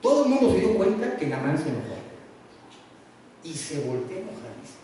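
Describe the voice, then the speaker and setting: A man preaching with a fairly high voice, recorded from a distance in a long, echoing church hall. He tells the story with humor and plays the characters' voices himself. A faint hum of room noise sits underneath. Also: very animated, fairly quick, mellow. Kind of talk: sermon.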